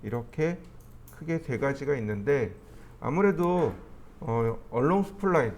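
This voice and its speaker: A man teaching a 3D modeling class, explaining each step as he clicks through the software. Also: medium pitch, slight background noise. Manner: step-by-step explaining, thinking aloud while clicking. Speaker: 3D modeling instructor. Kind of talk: screen-recorded software tutorial.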